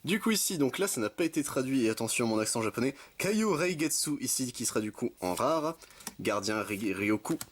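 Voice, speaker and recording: A young man casually commenting while opening trading card packs, listing card names and adding quick asides. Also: medium pitch, expressive. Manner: chatty, reads card names in quick lists, self-correcting asides. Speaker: card-opening video host. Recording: faint background noise with card crinkling.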